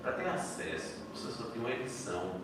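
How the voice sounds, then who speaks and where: A man's voice: medium pitch, very animated, a little fast. A man, a history professor speaking informally at a panel, enthusiastic and conversational, often restarting his sentences. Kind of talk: informal academic talk at a panel. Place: lecture hall. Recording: echoey hall, distant mic, background noise.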